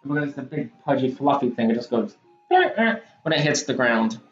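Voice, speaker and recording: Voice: medium pitch, fairly even intonation, fast talker. A streamer chatting casually while role-playing in a game, talking in a rambling, hesitant way with plenty of fillers. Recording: roomy, dull sound with soft music underneath. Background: game soundtrack music.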